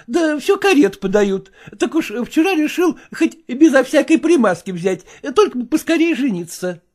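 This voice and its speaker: A woman's voice: high-pitched, darkish tone. A woman reading a story aloud, voicing a chatty, bustling old matchmaker. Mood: gossipy. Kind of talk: audiobook character voice.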